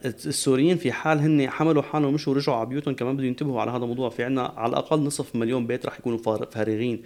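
A man's voice: mid-range voice, steady tone, very fast, a little mellow. A man, a guest expert on a talk show, explaining at length with frequent restarts.

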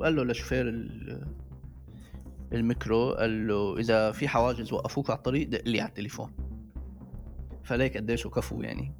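A man's voice: mid-range voice, gravelly. A man from Syria with a Syrian Levantine Arabic accent, casually telling a personal story and re-enacting dialogue as he goes. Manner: conversational, re-enacts dialogue as he tells it.

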